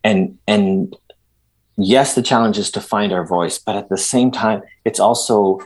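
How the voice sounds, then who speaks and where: This is a low-quality recording of a middle-aged interview guest from El Salvador, chatting in an animated way full of restarts and emphatic asides. His voice is lowish with a breathy edge, and he doesn't hurry.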